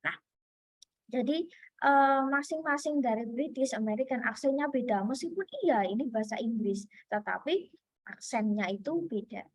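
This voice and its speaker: A woman lecturer from Indonesia talks her class through the lesson in a chatty way, with many fillers and restarts. Her voice sits somewhat high, and the sound is close and dry, with little room around it. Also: moderate pace, no echo. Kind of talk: online lecture.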